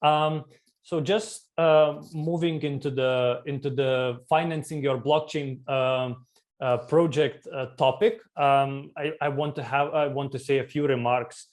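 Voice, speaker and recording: A man from Lithuania gives a conference presentation over a video call. His delivery is halting, padded with fillers and restarts. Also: mid-range voice, steady tone. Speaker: startup community co-founder presenting. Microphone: remote video call.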